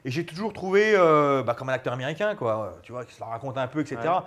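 A former fighter turned actor and stuntman in his forties chats animatedly as a guest in a small studio lounge, gesturing a lot. His mid-range voice moves fast, picked up by a lapel mic during the casual interview.

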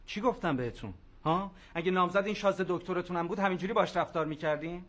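A man's voice: high-pitched, a bit bright. An actor playing an indignant young man defending his fiancée against his family, in a TV drama. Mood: reproachful. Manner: reproachful.

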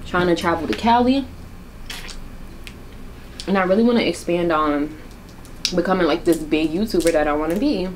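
A woman's voice: fairly low pitch, normal speed, pauses often, slight background noise, low-quality recording. A young woman vlogger from Virginia chatting casually and slangily to her camera, talking with her hand at her mouth. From Virginia, United States. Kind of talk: casual mukbang chat. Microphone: camera on a stand.

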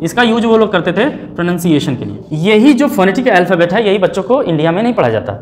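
A male English teacher giving a classroom lecture, spelling words out slowly sound by sound and firing rhetorical questions at his students. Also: sits high, big pitch swings, slight background noise.

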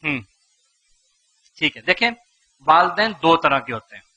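A man lectures a live audience as a motivational speaker, asking rhetorical questions and drawing the listeners in. His voice sits high and sounds very bright and cutting. He acts out what parents say to make his points. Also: lively intonation.

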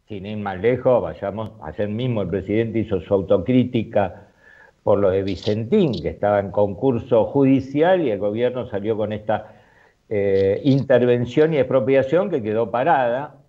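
Lively Argentine man, economic commentary. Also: on the low side, dull audio. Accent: Argentine Spanish. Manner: critical, frequent fillers and restarts.

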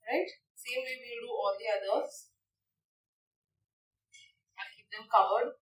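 A young woman teaching cooking demonstrates a dish step by step, her unhurried voice on the high side and punctuated by "right" and "okay." The recording comes from a large, echoey teaching kitchen, with her standing distant from the mic.

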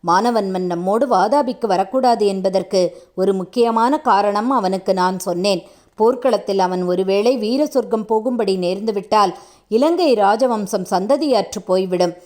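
A woman reading a stern, proud male king in a storybook reading, measured and reproachful in her delivery. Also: mid-range voice, darkish tone, lightly acted. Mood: commanding.

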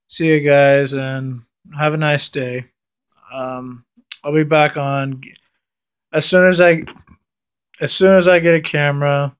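A young man talking casually to his vlog viewers after having his wisdom teeth out, mouth packed with gauze, subdued and halting, recorded at arm's length indoors. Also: mid-range voice, smooth. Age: young adult. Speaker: vlogger. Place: indoors at home, close up. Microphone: phone or camera at arm's length.

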